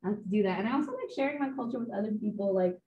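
Over dull video call audio with slight background noise, a young adult woman from the LA area hosts a casual panel as a student staffer. Her mid-range voice is animated, very fast and warm, and she chats along with plenty of fillers and ready laughter.

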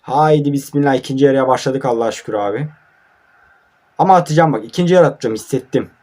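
Young male gamer, mid-pitched, tired and irritable play-by-play, snaps at his team. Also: animated, fast. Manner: sleepy and grumbling, erupting into frustrated shouts at his players. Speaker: mobile football gamer. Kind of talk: casual live gameplay commentary. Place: at home at night.

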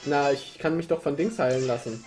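A man's voice: on the high side, brisk. A man chatting casually as he plays a video game and reads out its lines in a silly, playful manner. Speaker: let's player. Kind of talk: casual gameplay commentary, reading game dialogue aloud. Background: game music.

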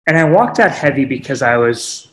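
A man telling a reflective story in a webinar talk, earnest and unhurried, with pauses and small restarts. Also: mid-range voice, sing-song, fairly bright tone, roomy sound, rough recording. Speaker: webinar speaker sharing teaching stories. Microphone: webinar microphone.

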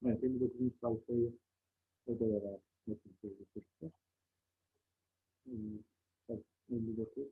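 A man's voice: medium pitch, fairly even intonation, fairly quick, long pauses, slightly rough, narrow, tinny audio. A middle-aged man teaching a second-grade spelling lesson, patiently contrasting wrong and right word forms. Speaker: primary school teacher.

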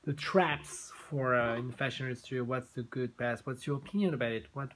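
A man, a student interviewer, asking halting questions and rephrasing them as he goes. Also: mid-range voice, background noise.

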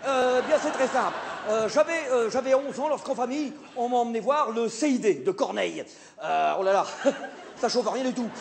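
A man playing a flustered, stammering male theatre director in a live comedy sketch, hesitating and then bursting into shouts. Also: very high-pitched, normal speed, gravelly. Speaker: comic stage performer. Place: theatre stage with live audience. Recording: live stage recording, audience noise.

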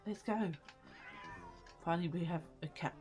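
A woman's voice: lowish voice, normal speed, over loud music. A woman giving casual gameplay commentary, squealing with delight at cute things and muttering asides under her breath. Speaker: gaming video creator.

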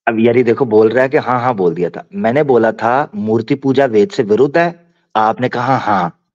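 A man's voice: mid-range voice, fairly quick, darkish tone. A man from Pakistan hosting a heated online debate, combative and mocking, often talking over the others. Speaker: debate host. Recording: lo-fi call audio.

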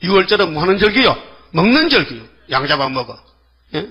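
A man's voice: high voice, very animated, fairly quick, bright, forceful tone, slightly rough, highs cut off. A man preaching a sermon in a casual, talkative way, acting out Bible scenes in quoted voices and firing rhetorical questions at the congregation. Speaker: pastor.

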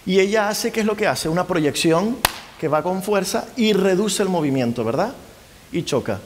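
A middle-aged man lecturing a live audience, his fairly high voice carried by a long hall reverb. He talks in an animated way and keeps tossing quick questions back at the crowd. A faint hiss sits under the recording. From Spain. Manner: lively, keeps asking the audience rhetorical questions. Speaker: university lecturer.

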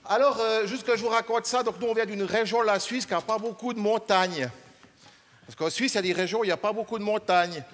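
Deadpan Swiss comedian on a big stage. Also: male voice, high voice, brisk. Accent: Swiss French. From Switzerland. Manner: deadpan, hesitant, many fillers. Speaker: stand-up comedian. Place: large theater stage. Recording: live hall with reverb and noise.

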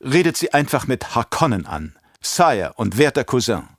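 A sly assassin advisor, voiced by a male audiobook reader, smug and mocking toward his master. His taunting delivery swings between hushed and raised. The sound is dry and close. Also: medium pitch, very animated, normal speed, no room sound.

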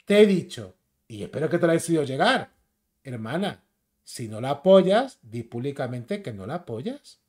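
A man's voice: a little high, sing-song, moderate pace, darkish tone. Man ranting angrily in Spain Spanish. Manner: combative, mocking and insulting. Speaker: YouTube commentator. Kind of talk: ranting commentary video.

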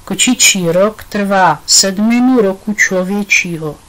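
A woman's voice: mid-range voice, a bit bright, close to an everyday voice, low-quality recording. A woman reading aloud, voicing an earnest schoolboy who explains things to his class in a storybook.

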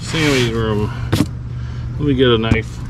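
Nebraska guy chatting while digging thru a storage unit, loud noisy outdoors. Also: mid-range voice, a little slow. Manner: chatty, upbeat, calls out finds. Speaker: reseller vlogger. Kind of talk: casual chat while unboxing.

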